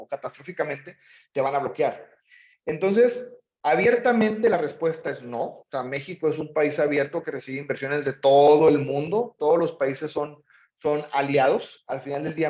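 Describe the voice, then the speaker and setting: A man's voice: fairly high pitch, darkish tone. A man presenting and answering questions conversationally, with rhetorical questions thrown in. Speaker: presenter, logistics expert. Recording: echoey room, slightly muffled audio.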